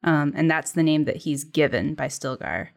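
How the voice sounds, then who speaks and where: A woman's voice: deep voice, expressive, moderate pace, vocal fry. A young woman chatting casually, rambling with many fillers as she explains. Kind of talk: casual chat planning a comedy sketch.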